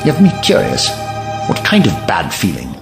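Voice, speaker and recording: An actor playing an eccentric, reassuring time traveller in an audio drama, theatrical and breezy. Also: male voice, low-pitched, wildly swooping pitch, normal speed, exaggerated voice. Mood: calm, curious. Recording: music behind the voice.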